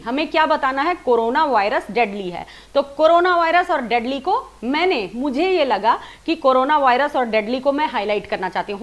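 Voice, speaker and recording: A woman giving a spoken lesson on presenting, explaining step by step and demonstrating sample lines with stressed words. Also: high voice. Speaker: presentation skills coach.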